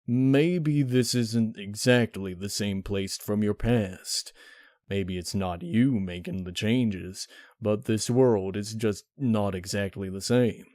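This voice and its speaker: Man as slow, thoughtful Big Mac farm pony. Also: darkish tone, dry recording, clean studio sound. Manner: slow, low-key, deliberate.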